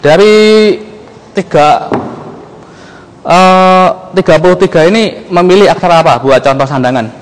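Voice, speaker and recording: Male lecturer, slightly high voice, unhurried and halting, quizzing students, long hall reverb. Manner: slow, halting, quizzes the audience often. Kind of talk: classroom lesson on Old Javanese script. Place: museum lecture room.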